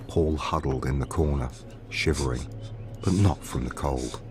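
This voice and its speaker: A man who streams spooky stories, reading a horror story aloud in a steady, measured way. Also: a bass voice, background noise. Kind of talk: scripted horror story narration. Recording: music playing behind the voice.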